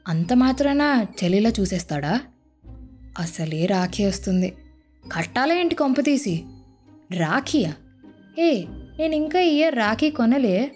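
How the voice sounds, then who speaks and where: A woman's voice: on the high side, lively intonation, unhurried, pauses often, darkish tone, faint music behind. A young woman hosting a podcast, talking straight to the listener in a playful, self-mocking monologue and acting out her anxious inner thoughts, with English phrases mixed in. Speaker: podcast host.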